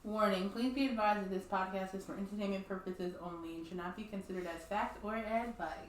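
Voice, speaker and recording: A woman co-hosting a casual podcast chat, blunt and animated. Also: mid-range voice, a little fast, a little hiss or hum. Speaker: podcast co-host. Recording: echoey room, distant mic.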